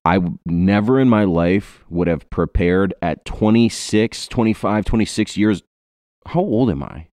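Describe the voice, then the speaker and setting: A young man from Ohio talks in a loose, rambling podcast chat, joking and filling pauses with ums and likes. His voice sits very low, and the recording is close and dry, with no room sound around it. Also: expressive, a little mellow, dry recording. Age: 20s. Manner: rambling, joking, many fillers. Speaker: podcast host.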